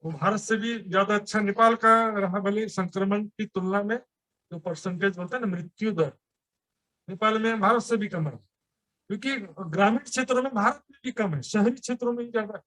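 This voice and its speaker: High-voiced man preaching with rhetorical questions. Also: brisk, sharp tone. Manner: explains with everyday examples and rhetorical questions. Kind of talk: sermon. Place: temple gathering.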